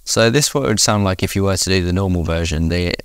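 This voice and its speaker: A man hosting a casual software tutorial, explaining each step in a relaxed way. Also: sits low, fast talker, clear, resonant tone, dry recording, clean studio sound. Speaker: tutorial host.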